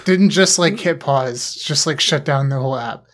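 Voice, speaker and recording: A man's voice: fairly high pitch, normal speed. A man hosting a podcast in casual chat, dry and teasing, rambling with plenty of fillers. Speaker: podcast host.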